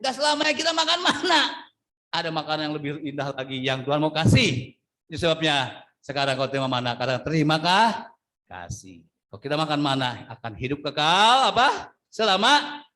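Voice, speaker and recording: Animated preaching man, lively high voice. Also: brisk. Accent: Indonesian. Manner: animated, jokey, acts out little scenes, calls on congregation. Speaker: pastor. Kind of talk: lively sermon.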